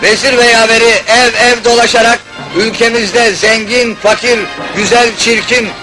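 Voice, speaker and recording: Town crier, man, very high pitch, formal declaiming, drawn-out calls, old fairy-tale film soundtrack, music behind. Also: little pitch movement, poor audio. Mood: proclaiming. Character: loud town crier proclaiming a king's decree.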